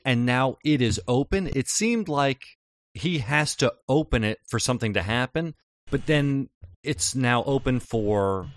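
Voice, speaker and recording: Animated, exasperated man on a dry mic. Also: mid-range voice, no echo. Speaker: podcast co-host. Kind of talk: casual review chat.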